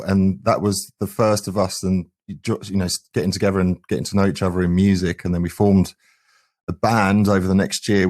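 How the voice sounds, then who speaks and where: A low-pitched, slightly mellow male voice comes from an English band frontman in his 40s. Being interviewed as a guest, he casually reminisces, rambling and hesitant.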